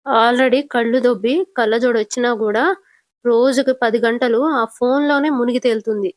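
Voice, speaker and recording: A woman's voice: fairly high pitch, steady tone, moderate pace, no echo, studio quality, natural voice. A woman voicing a cheeky young man who mocks and bosses his grandmother. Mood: mocking. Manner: mocking, bossy, rude.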